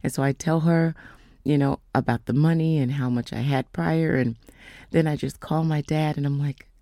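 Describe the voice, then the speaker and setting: A woman telling a faith testimony in a casual storytelling way, slowing down and dropping to whispers for emphasis. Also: sits low, steady tone, mellow, no room sound, clean studio sound. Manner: storytelling, acts out quoted voices; slows down for emphasis, drops to whispers. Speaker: speaker giving a testimony.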